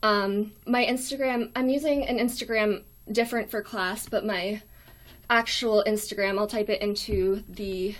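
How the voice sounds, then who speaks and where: A woman's voice: mid-range voice, steady tone, a little slow, slight background noise. Weak, thin-voiced young woman chatting on livestream. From United States. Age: young adult. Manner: apologetic, hesitant. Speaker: live stream host. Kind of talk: casual livestream chat. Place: small dorm room.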